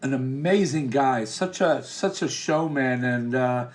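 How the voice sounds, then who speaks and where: A man's voice: mid-range voice, a little slow. A man hosting a casual interview, friendly and affirming, asking open questions of his guest. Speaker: interviewer, host.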